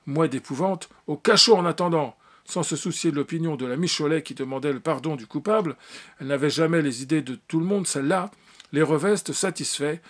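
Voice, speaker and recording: A man reading a novel aloud as an audiobook, with expressive narration and occasional slips. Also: a little high. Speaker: audiobook reader.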